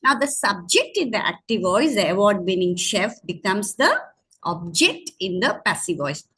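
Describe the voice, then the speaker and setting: A woman's voice: medium pitch, very animated, normal speed, a bit bright, husky, poor audio. A woman teaching an online English grammar lesson, explaining patiently and often restarting or correcting herself. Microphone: screen-share online session.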